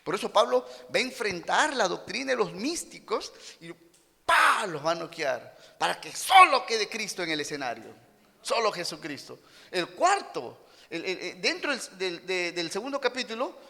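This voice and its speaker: A man's voice: high voice, gravelly, sharp tone, big-room sound. A man preaching a sermon as a pastor in a church, acting out the people he quotes and punching his points with boxing-style exclamations. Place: church sanctuary.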